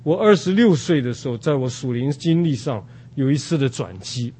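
An older man from Taiwan preaching a sermon at an unhurried pace, with many drawn-out "ah" fillers. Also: medium pitch, animated, warm tone, slight background noise.

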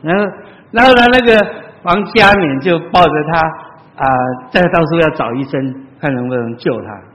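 A man preaching a sermon, telling stories and addressing the congregation, swinging between loud exclamations and soft asides. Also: a little high, moderate pace. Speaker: pastor. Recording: long hall reverb, dull lo-fi sound.

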